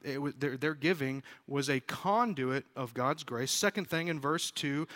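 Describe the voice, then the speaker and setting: A pastor with a slightly high voice preaches a sermon in a conversational way, using frequent fillers and restarts. He becomes animated whenever he acts out quotes.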